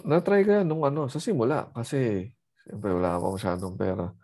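Man, from the Philippines, interview guest, relaxed chatty talk, frequent laughs, mid pitch. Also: normal speed. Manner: chatty, laughs often, mixes English into Filipino speech. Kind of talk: casual interview chat.

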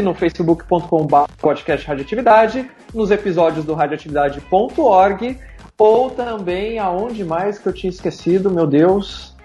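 High-voiced cheerful male co-host. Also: warm tone, highs cut off. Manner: cheerful, jokey, rattles off contact details. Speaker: podcast co-host. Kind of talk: casual podcast chat.

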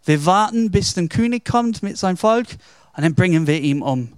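A man's voice: high voice, expressive, normal speed, clear, resonant tone, no echo, clean studio sound. A man voicing a cunning enemy king who lays out his plan in a matter-of-fact way. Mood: scheming. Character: scheming enemy king, cunning and self-satisfied.

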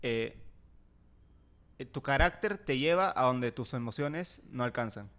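A man's voice: mid-range voice, expressive, measured pace, a bit bright. A man, a co-host in a casual chat who explains things and teases his friend.

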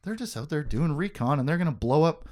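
Male podcast host, lively and jokey, slightly high-pitched, swears freely. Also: fast. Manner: animated, joking, laughs often, swears. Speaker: podcast host recapping a book. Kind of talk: casual chat.

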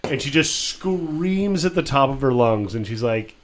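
A man's voice: mid-range voice, lively intonation, unhurried. Guy cohosting, wry and opinionated, swears a lot, faint noise behind. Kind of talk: casual chat.

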